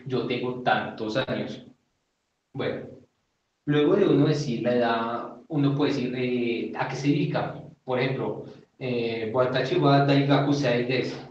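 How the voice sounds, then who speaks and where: This Japanese teacher, a man from Colombia, talks at a slow, deliberate pace in a casual lesson, pausing hesitantly and leaning on plenty of fillers. His medium-pitched voice is a little mellow, and the distant mic picks up a dull, echoey room plus slight hiss or hum.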